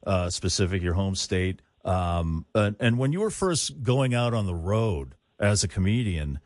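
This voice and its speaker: A man's voice: low voice, expressive, unhurried, no room sound, clean studio sound. A man hosting a casual radio interview in a conversational way.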